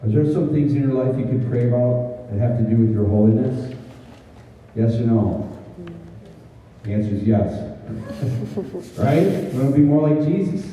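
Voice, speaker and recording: A man's voice: mid-range voice, lively intonation, unhurried, long pauses, mellow. Man preaching, far off in an echoey hall. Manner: conversational preaching, asks the congregation questions. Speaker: pastor. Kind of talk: sermon. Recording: distant, echoey hall, dull sound.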